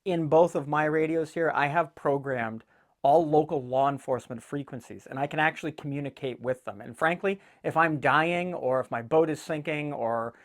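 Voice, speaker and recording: A man hosts a relaxed instructional video for his boating DIY channel from inside an office, speaking at a normal speed in a fairly high-pitched voice. His delivery is blunt, sweary, joking and irreverent, and he addresses viewers directly in a folksy style.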